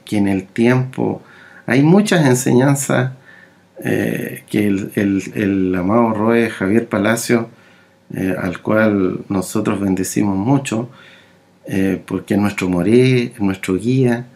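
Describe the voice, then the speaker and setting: A man delivers a sermon at an unhurried, deliberate pace, his voice carrying a gravelly texture. He pauses often, restarts phrases and repeats words as he goes. His pitch sits in a middle range. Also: darkish tone. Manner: slow, halting delivery with many fillers and repeated words. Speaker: preacher.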